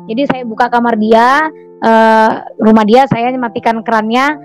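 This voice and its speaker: A woman giving a personal testimony to a congregation in an earnest, repetitive way, often pausing on "eh" and "gitu". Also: on the high side, steady tone, faint music behind, poor audio.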